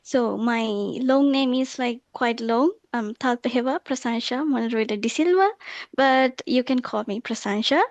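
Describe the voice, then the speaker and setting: A woman's voice: a little high, measured pace, no room sound, highs cut off. A woman from Sri Lanka introducing herself in a light, friendly way. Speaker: student ambassador. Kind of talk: self-introduction. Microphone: video call.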